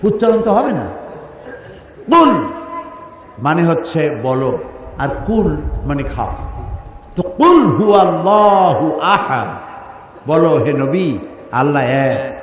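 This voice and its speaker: A man's voice: fairly high pitch, expressive, measured pace, long pauses, a little mellow. A man delivering a sermon, emphatic, posing rhetorical questions and breaking into chanted recitation. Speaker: preacher. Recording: echoey hall, distant mic, faint noise.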